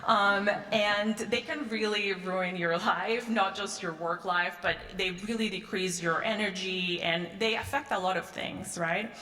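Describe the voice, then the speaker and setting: A middle-aged Peruvian woman speaks on stage at a large conference hall, her medium-pitched voice sharp in tone, with fairly even intonation and a measured pace with few pauses. Her talk is conversational and peppered with "um" and "right?" tags. The echoey hall gives the recording a long reverb.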